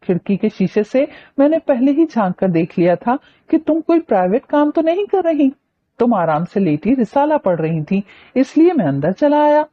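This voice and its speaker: Teasing young man, mischievous and mocking, lively pitch, as a woman reader voices him, lo-fi audiobook. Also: moderate pace.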